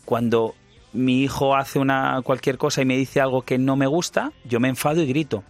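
Un hombre con acento de España que explica la crianza con calma y algunas dudas. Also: male voice, mid-range voice, faint music behind. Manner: measured, hesitant fillers. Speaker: parenting guest expert. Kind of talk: conversational explanation.

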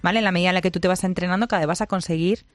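Una mujer con acento de España que da consejos de crianza con énfasis, imitando frases de otros. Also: female voice, on the low side, very fast, no room sound, soft background music. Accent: Spain Spanish. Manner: lively, emphatic, acts out quotes. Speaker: parenting guest expert. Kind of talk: conversational advice.

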